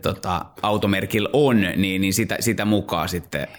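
A male impressionist speaking as a guest in casual chat, relaxed with filler words. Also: sits low.

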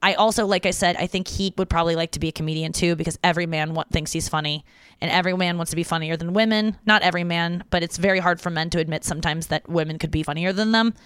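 A woman's voice: lowish voice, fairly even intonation, fast, fairly bright tone, clear, resonant tone, no room sound. A woman hosting a podcast, chatting frankly with plenty of swearing and reading listener messages aloud. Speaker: podcast host. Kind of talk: casual chat.

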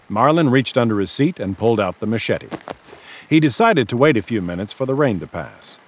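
Man narrator, low voice, animated wry storytelling, faint noise behind. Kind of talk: scripted audio fiction narration.

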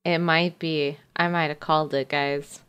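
A woman's voice: low voice, flat delivery, unhurried, fairly bright tone, smooth, dull audio. A woman chatting casually as a player in a group game stream. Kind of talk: casual, reactive chat.

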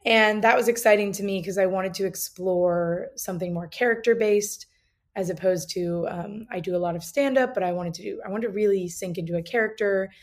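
A woman talking casually as an interview guest, a comedian who is earnest and expressive with a joking streak. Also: medium pitch, brisk. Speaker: improv and stand-up comedian, guest.

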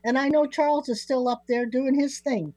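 An older woman chats casually as a radio co-host, full of playful asides. Her voice is a little high and recorded very dry, with no room echo. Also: normal speed, warm tone. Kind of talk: casual chat. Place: home studio.

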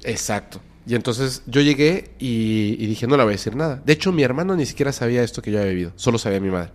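A man with a Mexican accent, a podcast guest telling a frightening story with dramatic whispers and sudden loud bursts. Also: mid-range voice, lively intonation, fast.

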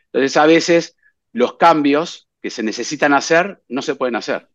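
A man, co-hosting a podcast in casual chat, telling lively stories with many "eh" fillers and chuckles. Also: fairly high pitch, moderate pace, dry recording. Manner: animated storyteller, chuckles often, fillers like eh. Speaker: podcast co-host. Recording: dull dry lo-fi mic.

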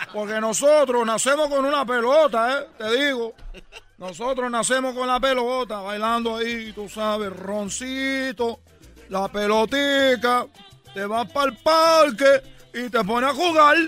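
A man's voice: very high-pitched, takes it slowly, sharp tone, faint music behind, full character voice. A man voicing a boastful, rambling Cuban baseball fan for a radio comedy sketch, with a put-on Cuban Spanish accent and constant "chico".

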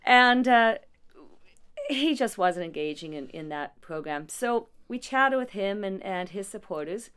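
Smooth-voiced woman telling stories. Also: medium pitch, expressive, unhurried. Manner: warm storytelling with frequent restarts and small laughs. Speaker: director at a non-profit support agency. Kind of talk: conversational interview answer.

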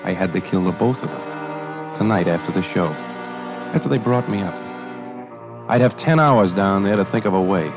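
A man's voice: deep voice, moderate pace, long pauses. A man playing a grim, wary carnival showman who narrates his own story in tense, clipped, hard-boiled lines, in an old radio drama. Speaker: narrator and lead character. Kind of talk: 1940s radio acting. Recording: dull lo-fi old radio recording with music.

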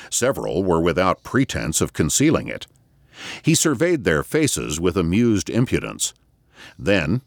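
A man narrating a novel as an audiobook in a measured, expressive reading. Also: low-pitched, vocal fry, dry recording, clean studio sound.

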